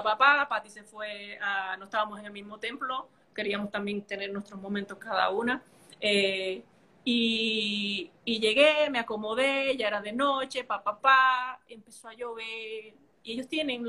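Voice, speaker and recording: A woman with a bright, pushed, rather high voice chats casually on a podcast. She's from a Caribbean island and tells a personal story with emotion and vivid detail, filling pauses with playful sounds.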